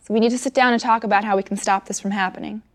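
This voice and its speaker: A woman's voice: mid-range voice, fairly even intonation, rapid-fire, lightly acted. A woman playing a direct, businesslike coworker. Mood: assertive. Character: female coworker handling a request. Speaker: actor in a training video. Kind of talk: workplace role-play scene.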